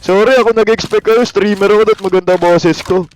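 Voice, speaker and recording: A young Filipino man with a light, high voice, chatting and joking with his viewers while he plays a game. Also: fairly even intonation, fairly quick, slight background noise. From Philippines. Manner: joking, self-mocking banter with chat. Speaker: game streamer. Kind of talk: casual live-stream chat while playing.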